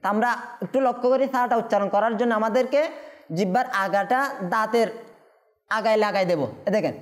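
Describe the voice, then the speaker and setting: A woman's voice: fairly high pitch, a little fast. A woman teaching Quran letter pronunciation, patiently drawing out each sound and asking her pupils rhetorical questions. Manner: asks rhetorical questions to the class.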